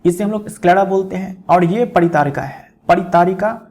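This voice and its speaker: Male teacher, high voice with lots of gravel, keeps repeating terms. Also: normal speed, a little mellow. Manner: repeats key terms, asks and answers his own questions. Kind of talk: exam-prep lecture.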